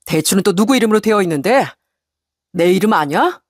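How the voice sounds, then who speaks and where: A husband speaks in a cold, measured, unbending tone, as a woman reader puts him on. His voice stays near the reader's own mid pitch, slow and deliberate. The recording is dry and close. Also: lively intonation, husky, no room sound. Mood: cold, firm. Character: cold, resolute middle-aged husband. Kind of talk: story radio reading.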